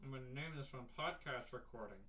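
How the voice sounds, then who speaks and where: A young man chats alone as a podcast host, with a bright, forward voice at an average male pitch. His mouth is sore and numb from having teeth pulled, and he talks through it in a casual, rambling way, often halting and starting over. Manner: talking with a sore, numb mouth after wisdom tooth surgery. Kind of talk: casual solo podcast chat.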